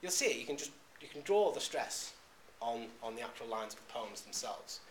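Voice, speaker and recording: A man giving a classroom lecture, talking in a halting way with frequent "um"s and restarts. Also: mid-range voice, very animated, a little hiss or hum. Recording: echoey room recording.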